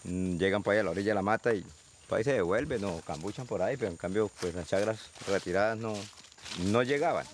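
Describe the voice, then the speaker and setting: A man's voice: lowish voice, quick pace, a little hiss or hum. A man with a Colombian accent explaining things casually, as a farmer interviewed outdoors. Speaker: coca farmer being interviewed. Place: outdoors in the countryside.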